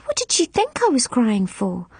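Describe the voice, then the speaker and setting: A woman narrates a children's novel in the first person with expressive, emotive storytelling. Her voice is fairly high and husky with a gravelly edge, recorded close and dry. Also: normal speed, no room sound. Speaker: audiobook reader.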